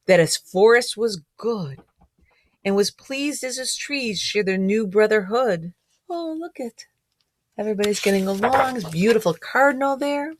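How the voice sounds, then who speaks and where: With a medium-pitched voice and no echo, a middle-aged teacher reads aloud from a picture book for children. She pauses for chatty asides, asking the kids lots of gentle questions in a child-directed way.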